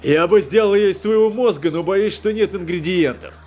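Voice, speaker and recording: A man reading an audiobook, voicing a gruff, bossy male spacer who barks and shouts his lines. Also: on the high side, lively intonation, normal speed, soft background music, voice pushed up. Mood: shouting. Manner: barking, shouting.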